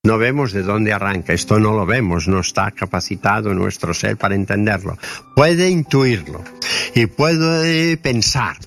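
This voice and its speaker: A man speaks in a deep, gravelly voice. He explains spiritual ideas slowly and earnestly, and faint music plays behind him. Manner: slow, deliberate, earnest explaining. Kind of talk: reflective spiritual talk.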